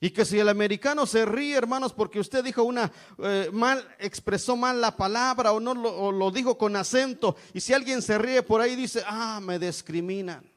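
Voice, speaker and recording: A man's voice: very high-pitched, normal speed, few pauses. A middle-aged man from Mexico preaching an evangelical sermon, emphatic, calling out "brothers" again and again. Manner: repeats "hermanos" constantly, emphatic preaching.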